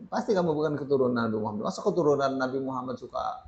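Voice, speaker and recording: A man's voice: medium pitch, expressive, rapid-fire, a little mellow. A man teaching a religious lesson in speech, often tagging sentences with "ya" and reading Arabic passages before explaining them. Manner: frequent "ya" tags, reads Arabic text then explains. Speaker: Islamic teacher. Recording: dull lo-fi recording.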